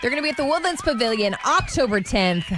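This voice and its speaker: A woman's voice: fairly high pitch, sing-song, quick pace, noisy background. A woman co-hosting a radio show, announcing a contest prize like a promo.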